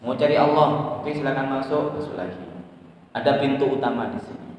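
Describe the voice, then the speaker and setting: A male preacher delivers an animated mosque sermon, acting out prayers and little dialogues, swinging between loud and soft. His voice comes from some distance and rings through a long, echoey hall, with a faint hiss behind it. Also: mid-range voice, brisk. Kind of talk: morning religious study sermon.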